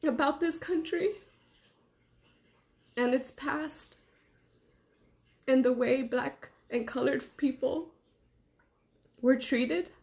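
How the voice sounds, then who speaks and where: A young woman from Los Angeles, speaking earnestly in a personal monologue to camera, pausing between phrases. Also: sits high, creaky, a little mellow. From Los Angeles, USA. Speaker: vlogger.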